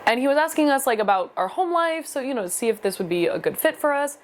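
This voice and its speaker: This young adult vlogger talks fast in a high, lively voice, telling a story in a relaxed, chatty way. She leans on "like" constantly, and a slight hiss or hum sits under her speech.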